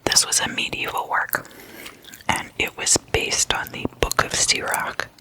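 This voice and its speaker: In a poor-quality recording, an ASMR host whispers throughout, offering casual explanations in clipped, deliberate, hushed phrases.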